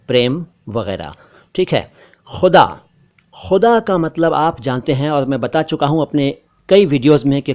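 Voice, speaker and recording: Male language teacher; patient, repeats each word slowly and clearly with stress. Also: mid-range voice. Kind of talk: explaining song lyrics and pronunciation.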